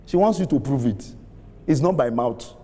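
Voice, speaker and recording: A middle-aged man preaching a sermon, using call-and-response, laughing often and rising to shouts. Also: medium pitch, expressive, normal speed. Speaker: pastor. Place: large church hall with congregation. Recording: reverberant hall, faint room ambience.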